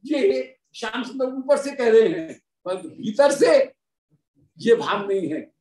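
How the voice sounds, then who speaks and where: A woman giving a devotional scripture discourse, telling the story in an animated, dramatic way and reciting verses. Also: fairly high pitch, slow pace. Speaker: devotional speaker. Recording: roomy, distant mic.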